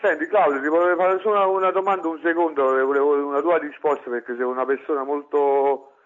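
Guy calling in on the phone, polite and a bit halting, muffled dull line. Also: a little high, steady tone. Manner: polite, hesitant, repeats words. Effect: heard over the phone. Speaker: radio call-in listener.

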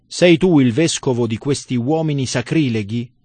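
A man's voice: mid-range voice, normal speed, darkish tone, no room sound, close to an everyday voice. A man reading the lines of a stern male Roman judge, questioning and commanding. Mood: interrogating.

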